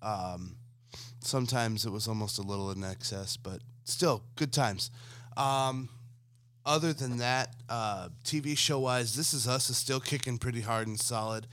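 A young man co-hosts a casual entertainment podcast in a relaxed, rambling way, with fillers and restarts. He is fighting the hiccups as he talks, which gives his delivery a slightly broken rhythm. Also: mid-range voice, measured pace. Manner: laid-back, rambling with many fillers. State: has the hiccups. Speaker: podcast co-host. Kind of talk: casual chat.

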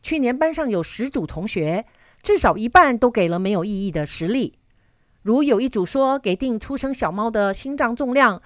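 A middle-aged woman lectures on data analysis, weaving in stories from her own life and turning questions back to her listeners. Her voice sits somewhat high and moves up and down a great deal. The recording is dry and a little dull. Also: no echo. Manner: storytelling, asks listeners questions.

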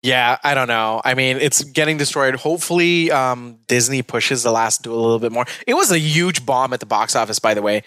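A man's voice: medium pitch, animated, fairly bright tone, dry recording. Man in a dry, close recording, chatty. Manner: chatty, quick asides, leading the talk. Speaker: podcast host. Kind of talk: casual movie chat.

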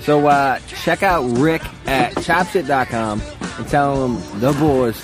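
A man's voice: mid-range voice, slow, music in the background. A man co-hosting a casual podcast outdoors, plugging things in a loose, profane, informal way. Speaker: podcast co-host. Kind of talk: casual podcast banter and sponsor reads. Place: outdoors on a ranch.

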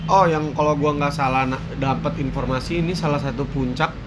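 A man's voice: medium pitch, fairly even intonation, fairly quick, noisy background. A man with a Jakarta accent co-hosting a podcast in casual Jakarta slang, teasing, swearing and mock-serious. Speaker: podcast co-host.

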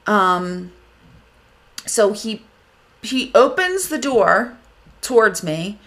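A woman, hosting a podcast and telling a story in an animated, indignant way, swearing freely. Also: medium pitch, very slow. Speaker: podcast host. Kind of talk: casual storytelling monologue.

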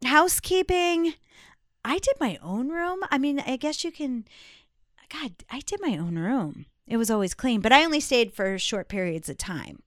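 A woman's voice: high voice, big pitch swings, normal speed, dry recording, clean studio sound. Blunt, profane woman podcast host. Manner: blunt, profane, laughs often. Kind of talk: casual podcast chat.

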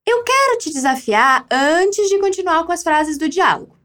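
Lively, high-voiced woman teaching Spanish. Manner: lively, encouraging, models phrases slowly for repetition. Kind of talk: language lesson with drills.

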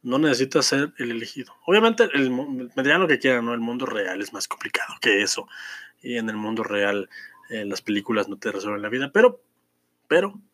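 A man's voice: mid-range voice, a bit bright, dry recording, clean studio sound. A man, giving a chatty, enthusiastic film review with many fillers and restarts. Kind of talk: casual film review monologue.

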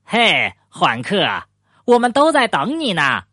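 A man's voice: a little high, expressive, moderate pace, pushed and bright, dry recording, clean studio sound. A man doing a teasing beaver kid. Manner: bouncy, teasing.

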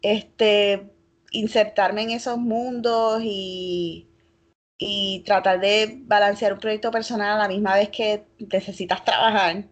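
A woman's voice: mid-range voice, little pitch movement, slow. A woman in her thirties from Puerto Rico with a Puerto Rican Spanish accent, a guest talking reflectively in a casual interview, with lots of fillers and hedging. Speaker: guest, fashion blogger.

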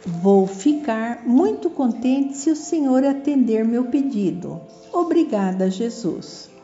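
A woman's voice: fairly high pitch, very animated, takes it slowly, highs cut off, exaggerated voice. A Brazilian woman voicing an earnest, devout, trusting six-year-old girl in a children's story. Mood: hopeful, grateful. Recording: echoey room, soft music behind.

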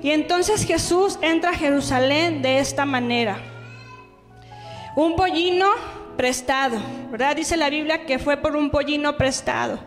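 A woman's voice: high voice, normal speed, few pauses. A woman preaching a sermon, reading scripture and praying in an earnest, emphatic way. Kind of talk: sermon with Bible reading and prayer. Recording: reverberant hall, faint music behind.

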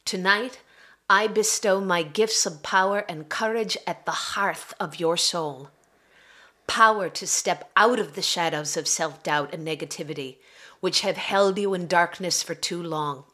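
Slow, bright-voiced woman reading solemnly. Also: on the low side. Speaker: podcast guest. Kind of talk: slow reading of a spoken-word invocation.

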